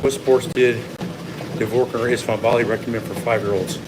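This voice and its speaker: A man's voice: mid-range voice, moderate pace. A man coaching casually on a livestream while walking on a treadmill, explaining and giving his opinions to viewers. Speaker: fitness coach hosting a live Q&A. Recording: clear steady machine noise behind voice. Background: treadmill or machine hum.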